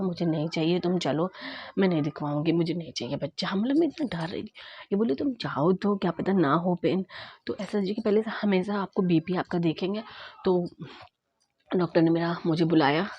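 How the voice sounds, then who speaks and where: Husky-voiced woman telling her own story. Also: fairly low pitch, fairly quick, highs cut off. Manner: lively retelling, acts out both sides of conversations. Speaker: vlogger. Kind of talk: casual storytelling vlog.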